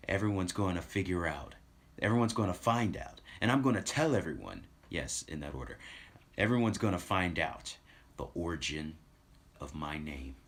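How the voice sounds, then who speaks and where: Background music accompanies a man hosting a livestream, who rambles casually through stories and chats with viewers. His voice sits low with a slightly bright quality.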